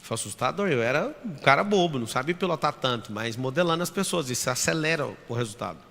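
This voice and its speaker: A man's voice: fairly high pitch, animated, fast, creaky, a bit bright. A Brazilian man with a Brazilian Portuguese accent giving a blunt, provocative motivational talk, acting out the people he quotes. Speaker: motivational speaker. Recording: long hall reverb.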